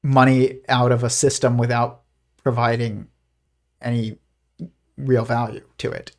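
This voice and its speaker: With a medium pitch, level tone and measured pace, this man hosts a live physics stream. He chats casually and rambles, restarting and using fillers a lot, and quotes things in an affected posh, old-timey voice.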